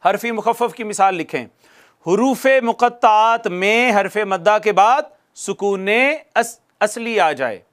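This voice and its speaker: A male recitation teacher runs a classroom lesson, his voice sitting high as he slowly repeats definitions for dictation and poses questions he answers himself.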